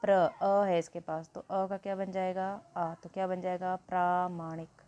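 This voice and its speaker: A woman's voice: fairly low pitch, flat delivery, moderate pace, warm tone, dull audio. A woman teaching a Hindi grammar lesson, explaining step by step and asking questions she answers herself.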